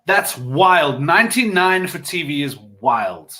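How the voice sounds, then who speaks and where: A man's voice: on the high side, sing-song, slow pace, sharp tone. A man co-hosting a live online quiz, easygoing and upbeat as he talks to viewers. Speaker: guest co-host. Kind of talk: casual live quiz chat.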